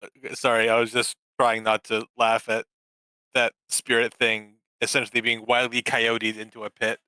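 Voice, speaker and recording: A man's voice: medium pitch, completely flat delivery, normal speed, bright, forceful tone, smooth, dry recording, rough recording. A man playing in a tabletop game, talking through his moves hesitantly and trailing off. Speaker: player. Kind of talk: casual tabletop play.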